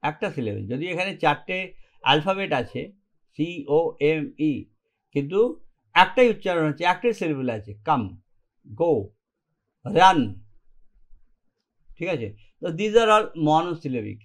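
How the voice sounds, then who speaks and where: A man with a fairly high, slightly bright voice gives an online English grammar class in Bengali. He breaks things down step by step and keeps checking whether students understand.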